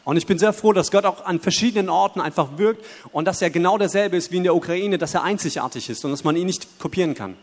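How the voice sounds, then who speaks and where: In a church hall before a congregation, a man with a high-sitting voice interprets consecutively into German at a quick pace with few pauses. He delivers the message phrase by phrase, sometimes correcting himself, and the hall's reverb is long.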